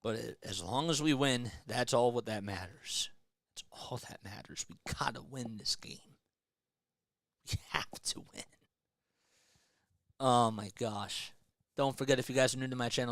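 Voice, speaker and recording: A young man doing live fan play-by-play of a basketball game, excitable, yelling at big plays and dropping to a hushed mutter between them. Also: medium pitch, no echo, clean studio sound.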